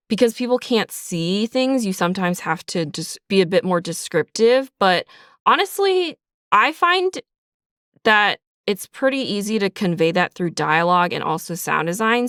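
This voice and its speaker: An audio drama writer chats informally in a casual behind-the-scenes interview, scattering "like" and "sort of" through her speech. Her mid-range voice is fairly bright, clear and resonant, recorded with clean studio sound and no echo.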